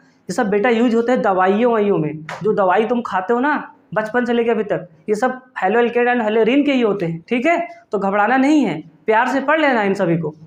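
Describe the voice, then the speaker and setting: A man's voice: very high voice, echoey room, highs cut off. A male chemistry teacher giving an online class, playful and teasing, calling his students "beta" and answering his own questions. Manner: calls students "beta" affectionately.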